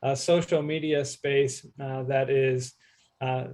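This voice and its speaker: A man moderating a webinar on a video call, courteous and brisk. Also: medium pitch, flat delivery, a little mellow.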